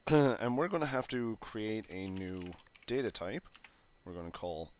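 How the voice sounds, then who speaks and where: In a dry recording, a man with a mid-range, animated voice talks unhurriedly as a programming tutorial host. He types and narrates his code in a casual walkthrough, correcting himself and using fillers as he thinks aloud. His throat is phlegmy and he clears it now and then, with clicks and typing audible in the background.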